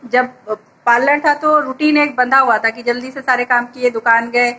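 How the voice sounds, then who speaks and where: High-voiced woman vlogger chatting at home. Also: little pitch movement, normal speed, bright, forceful tone. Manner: chatty, explaining chores step by step. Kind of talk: casual home vlog narration.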